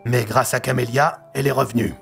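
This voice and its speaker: A man's voice: medium pitch, fairly even intonation, a little fast, creaky, fairly bright tone, soft background music. A man voicing a weary, mustached police commissioner in an audio story, speaking in a dry, matter-of-fact way. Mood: calm.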